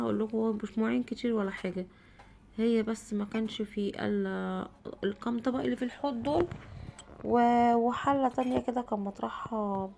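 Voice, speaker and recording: Fast, gravelly Egyptian woman with a cold. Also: mid-range voice, dark tone. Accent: Egyptian Arabic. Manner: chatty, asks herself questions and answers them. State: has a cold. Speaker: home vlogger and mother. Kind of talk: casual cooking vlog narration.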